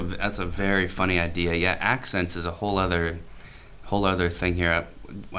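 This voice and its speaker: Man, podcast co-host, teacher, deep voice, smooth clear tone, casual rambling chat. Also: a bit bright. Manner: rambling, self-correcting, laughs easily.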